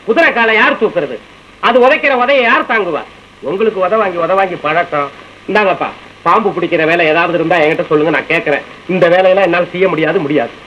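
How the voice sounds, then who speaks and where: An actor playing a cheeky lazy son. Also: male voice, high-pitched, fast, a bit bright, slight background noise. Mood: sulky. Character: lazy cheeky grown son, fast-talking joker. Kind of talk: 1950s Tamil film comedy acting. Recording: dull lo-fi old film soundtrack.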